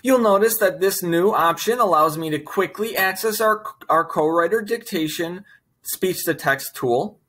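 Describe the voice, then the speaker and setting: A man's voice: high-pitched, measured pace, sharp tone. A man in his thirties narrating an instructional screencast, explaining step by step in an upbeat way. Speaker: software trainer presenting a tutorial.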